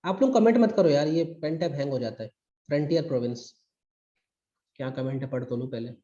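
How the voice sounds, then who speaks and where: Over a video call, a fairly quick-talking man with a higher-pitched, dark-toned voice teaches an exam-prep history class online. He's conversational and emphatic, performing quotes as he goes, and the lo-fi audio carries the echo of his room.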